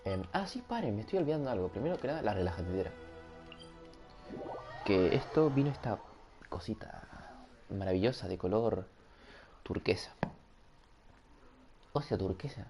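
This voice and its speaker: Over music, a young man with a Rioplatense Spanish accent hosts a casual gaming livestream in a lowish, sing-song voice at a moderate pace, leaving long pauses. He rambles, jokes with his viewers, and laughs at himself into a headset microphone.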